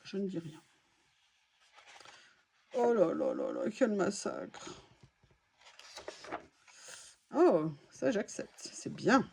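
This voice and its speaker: A woman's voice: medium pitch, expressive, very slow, vocal fry, long pauses, darkish tone, slight background noise. A woman vlogger chatting casually through a craft haul, exclaiming as she reacts to each item.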